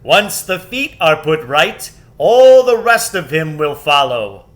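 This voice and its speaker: A man's voice: a little high, sing-song, slow. A man voicing a great storybook lion, joyous and commanding, calling out heartily. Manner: hearty, shouting.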